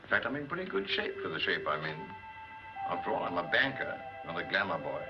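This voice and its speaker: A man's voice: low voice, wildly swooping pitch, brisk, over loud music, heavily acted. A man playing a flustered, henpecked middle-aged banker in old Hollywood screwball comedy banter, protesting defensively. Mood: defensive, exasperated. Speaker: actor in a comedy film. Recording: dull, noisy old film soundtrack.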